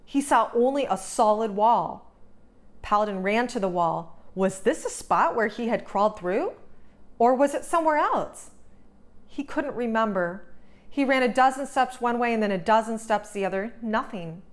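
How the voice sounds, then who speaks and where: With a slightly high voice and moderate pace, a woman narrates a children's storybook as the read-aloud host. Her storytelling is dramatic and expressive.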